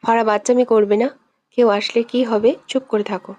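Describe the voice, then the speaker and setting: A woman voicing a possessive young man who speaks softly and low but turns harsh and commanding when angry, in a romantic audio story. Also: level tone, normal speed, lo-fi sound, close to an everyday voice. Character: stern possessive young man, tender yet quick-tempered. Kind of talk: scripted audio drama reading.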